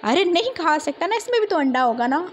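A woman voicing a fussy, whiny young man who complains and yells in panic. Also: sits high, big pitch swings, brisk, slight background noise. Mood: complaining.

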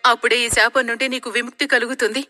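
A woman's voice: a little high, level tone, fast talker, pushed and bright, faint music behind. A woman voicing a devout village priest scolding his daughter in a stern, admonishing way.

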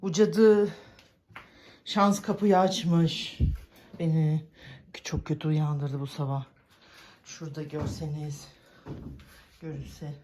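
Woman vlogging in her village kitchen, low voice, slow drawn-out talk, fed up with her cats. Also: fairly even intonation, a little hiss or hum. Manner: exasperated, scolding her cats with sharp high shouts. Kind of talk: casual vlog talk to camera. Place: village house kitchen, indoors.

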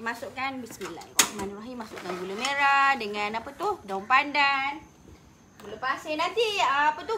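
Her voice high-pitched, pushed and bright, a cooking vlogger with a Malaysian accent talks her way through a demo at home. She laughs frequently and tells emotional personal stories in a talkative manner, with slight background noise in her kitchen.

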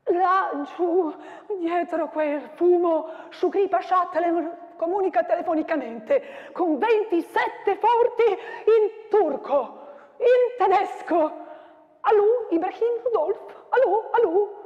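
A woman lecturing on sound poetry, then performing it aloud with shouted sound words and laughter. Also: extremely high pitch, animated, slow, lo-fi sound. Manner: explains softly, then recites with shouts, onomatopoeia and laughter. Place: large university lecture hall. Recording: echoey hall reverb.

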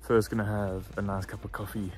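A man's voice: on the low side, level tone, a little fast, over music. A man talking casually to camera as a travel vlogger on safari.

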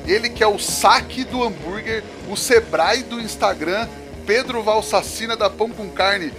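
A man's voice: sits high, moderate pace, over music. A man hosting an interview podcast, introducing his guest in an upbeat way. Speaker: podcast host.

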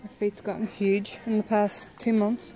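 A woman's voice: medium pitch, flat delivery, normal speed, mellow. A young woman chatting casually to camera as a vlogger, talking to her baby and pets and swearing offhandedly. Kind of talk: casual vlog chat. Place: home and then out in town.

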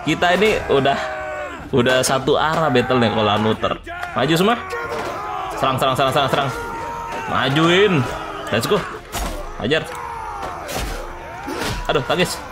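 A man giving excitable let's play commentary, shouting orders at his troops during battles. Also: medium pitch, moderate pace, long pauses, a loud crowd, heavy background noise. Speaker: gaming YouTuber. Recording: game music behind the voice.

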